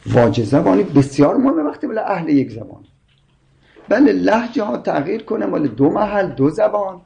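High gravelly man arguing a scholarly point, keeps repeating examples to make it stick. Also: very animated, mellow, highs cut off. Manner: insistent, explains with repeated examples. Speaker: scholar explaining linguistics and Quran readings. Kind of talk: scholarly debate.

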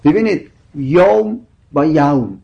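High gravelly man arguing a scholarly point, keeps repeating examples to make it stick. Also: expressive, dull audio. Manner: insistent, explains with repeated examples. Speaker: scholar explaining linguistics and Quran readings. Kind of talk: scholarly debate.

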